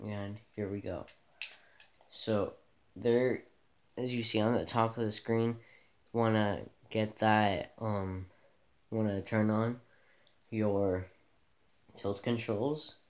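Slow-talking man in an echoey room. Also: fairly low pitch. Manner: relaxed, repeats himself, thinks aloud. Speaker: gaming channel host. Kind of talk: casual gameplay tutorial. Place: dim room in front of a TV.

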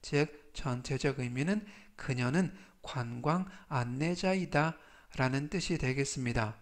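A man teaching English vocabulary in a scripted lesson, explaining each word slowly and repeating its pronunciation. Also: mid-range voice.

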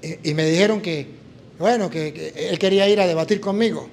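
Latin american priest preaching, high voice, acts out all the voices in his story, faint room noise. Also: fairly quick, vocal fry. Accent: Latin American Spanish. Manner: animated, acts out dialogue in story. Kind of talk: sermon with storytelling.

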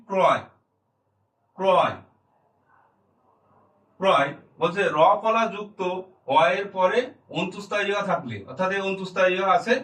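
A man's voice: high-pitched, sharp tone, roomy sound, recorded from a distance, low-quality recording. A man teaching a lesson, explaining rules one by one and repeating key words, often asking a question and answering it himself.

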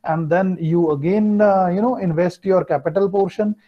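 Over a video call, a finance teacher lectures his online class, switching between two languages as he explains material and checks with students. He is middle-aged, speaks Hindi natively with a North Indian accent, and talks at normal speed in a high voice. The computer-mic audio comes through dull and lo-fi.

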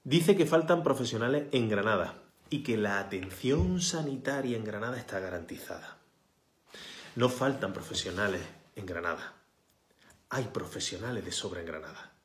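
A man, a healthcare worker making an impassioned protest appeal straight to his phone camera, fiery and emphatic, sometimes dropping to a whisper for stress. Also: lowish voice. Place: small indoor room, bright window behind. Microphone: phone camera at arm's length. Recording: echoey room.

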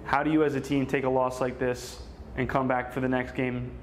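A man interviewing players after a game, asking questions in a steady, even way. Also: mid-range voice, fairly quick, a little hiss or hum, poor audio.

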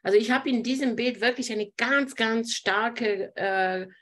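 A woman's voice: on the high side, measured pace, fairly bright tone. A woman hosting a live online art lesson, explaining picture composition while pointing things out to her viewers. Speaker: art teacher hosting a webinar.

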